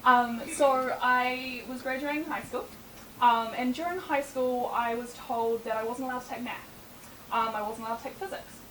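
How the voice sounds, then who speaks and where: A woman's voice: fairly high pitch, fairly even intonation, moderate pace, a bit bright, roomy sound, distant mic, a little hiss or hum, low-quality recording. A young woman from New Zealand with a New Zealand accent, giving a chatty presentation talk full of ums and small laughs. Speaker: student speaker.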